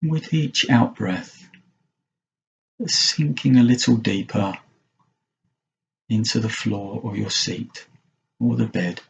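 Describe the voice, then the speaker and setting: Gently and with long pauses between brief phrases, a meditation teacher leads a mindfulness session in a low, creaky voice. The recording comes across as dull and slightly muffled.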